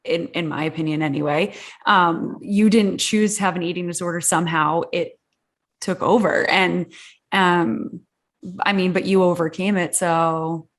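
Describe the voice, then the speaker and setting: A woman's voice: fairly low pitch, fairly even intonation, a little slow. A woman hosting a podcast, chatting casually with fillers. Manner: conversational, with fillers. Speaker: podcast host. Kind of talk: casual interview chat.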